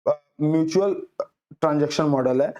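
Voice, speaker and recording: A man teaching an exam-prep class, explaining answers with homely examples and reading questions out slowly. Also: fairly high pitch, dark tone, lo-fi sound. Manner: reads English questions out very slowly, then explains with everyday examples. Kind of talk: Hindi lecture solving exam questions.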